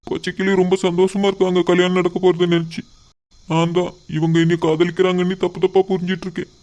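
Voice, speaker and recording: A man plays a lovesick young cartoon man who has given up hope. He speaks quickly in a flat, even voice. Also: sits high, lightly acted. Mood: sad. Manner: subdued, resigned. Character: heartbroken young man in love.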